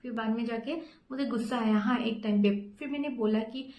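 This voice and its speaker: A woman's voice: fairly high pitch, fairly even intonation, fairly quick, echoey room, muffled recording. A young woman nursing student telling a personal story in a casual, rambling way, with many fillers and English words mixed in.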